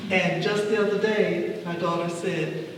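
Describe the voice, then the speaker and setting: An older woman sharing a personal anecdote at a community discussion, halting and deliberate, often repeating her phrases. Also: fairly low pitch, fairly even intonation. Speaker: audience participant sharing advice. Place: large reverberant room at a public discussion. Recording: very echoey noisy hall, distant mic.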